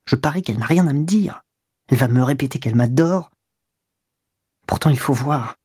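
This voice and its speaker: A man's voice: mid-range voice, animated, moderate pace, a little mellow, slightly rough, no room sound, studio quality. A man voicing a brusque, cynical young lover who answers coldly and harshly in an audiobook. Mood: grumbling. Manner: brusque, sneering.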